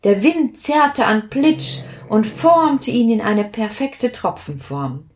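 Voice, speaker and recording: A woman reading a children's story aloud, expressive and unhurried. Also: a little high, a little hiss or hum.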